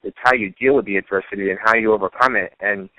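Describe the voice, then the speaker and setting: A man's voice: fairly low pitch, steady tone, quick pace, no room sound, highs cut off. A man being interviewed as a fighter, earnest, filling his talk with "you know" and restarts. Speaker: fighter guest. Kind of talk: casual interview.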